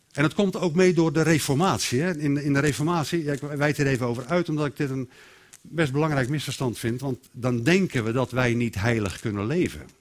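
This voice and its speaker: A man preaching a sermon in a lively, animated way, acting out quotes and inner voices. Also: medium pitch.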